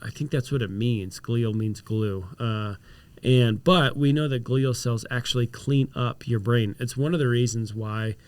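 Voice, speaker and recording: A chiropractor chats casually on a health podcast, explaining remedies and telling stories. He blends explanation with animated, reenacted quotes. His mid-range voice has a clean tone and an unhurried pace, and the recording is dry.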